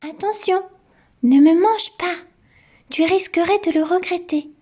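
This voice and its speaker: A woman voicing a tiny, cute, cunning mouse with a small squeaky voice, reading a storybook to a toddler. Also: measured pace, warm tone. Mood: pleading, sly.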